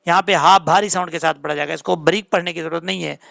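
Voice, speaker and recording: High, gravelly-voiced man teaching Quran recitation. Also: steady tone, fairly bright tone, dry recording, dull audio. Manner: patient, drawn-out chanted recitation between quick explanations. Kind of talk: tajweed lesson, spelling out letters and reciting slowly.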